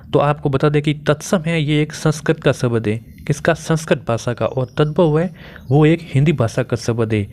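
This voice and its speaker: A young man teaches a Hindi grammar lesson for exam prep, posing questions and then answering them himself. His voice is mid-range and a little mellow, with a bit of hiss or hum in the recording.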